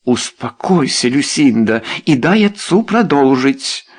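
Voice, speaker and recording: A fretful, reproachful aristocratic mother, as a male audiobook reader puts her on, her voice lifted well above his own and swinging widely in pitch. She exclaims and scolds in a high-strung, fussy way. It reads like a costume-drama storybook. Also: expressive, measured pace. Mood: indignant.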